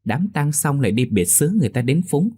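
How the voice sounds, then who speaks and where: A man's voice: mid-range voice, big pitch swings, brisk, warm tone, breathy edge, voice pushed up. A man voicing a stingy, bad-tempered middle-aged village man who grumbles and scolds. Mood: scheming.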